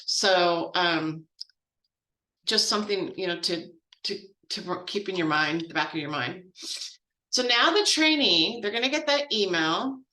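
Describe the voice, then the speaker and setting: A woman trainer walks through a process in a relaxed, talky way, full of asides and fillers. Her voice is bright and forceful, and the sound is roomy and echoey. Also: fairly low pitch, measured pace. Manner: chatty and informal, with frequent fillers and asides. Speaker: grants trainer. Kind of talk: casual software training walkthrough.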